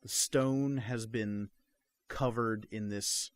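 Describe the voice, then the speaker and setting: A man narrating a tabletop game as game master, with measured, descriptive delivery. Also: lowish voice, steady tone.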